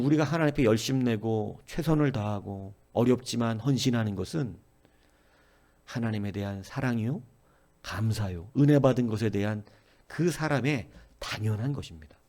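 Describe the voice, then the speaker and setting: Male pastor at a dawn sermon, gravelly voice, earnest, keeps calling out to the people. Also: medium pitch, dark tone. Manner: earnest, exhorting, repeatedly addresses the congregation.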